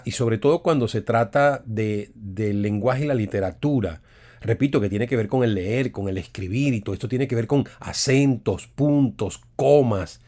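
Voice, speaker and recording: A man's voice: medium pitch, mellow. A man teaching an online Bible course, explaining step by step and repeating words for emphasis.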